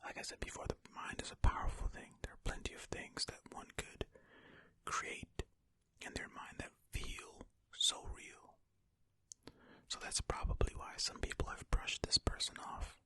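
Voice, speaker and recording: An ASMR host reads aloud and muses tentatively, whispering from ear to ear right against a close stereo microphone. The delivery is measured in pace, pushed and bright.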